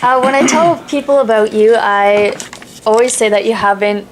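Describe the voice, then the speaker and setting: A woman's voice: on the high side, moderate pace. A teenage girl hosting an interview, asking casual questions with hesitations and fillers. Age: teens. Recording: noisy background.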